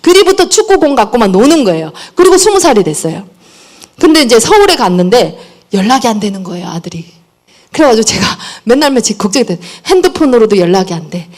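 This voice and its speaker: A middle-aged woman giving a parenting lecture, telling personal stories in an animated way and acting out the dialogue. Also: fairly high pitch, fast.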